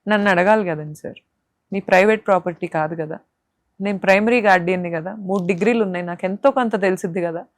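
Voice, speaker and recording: A woman's voice: mid-range voice, fast, no echo. A young woman, an interview guest speaking with impassioned indignation and pointed rhetorical questions. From Andhra Pradesh, India. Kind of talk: emotional interview testimony.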